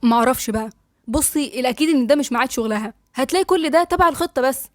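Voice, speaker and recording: A woman voicing an evasive young man in an Egyptian Arabic audiobook drama, gently dodging questions. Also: high-pitched, racing, no room sound, clean studio sound, close to an everyday voice.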